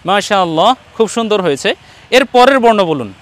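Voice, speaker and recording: A man's voice: high voice, animated, a little fast, fairly bright tone. A man with a Bangladeshi Bengali accent, teaching Quran letter pronunciation online and patiently repeating each sound for his students.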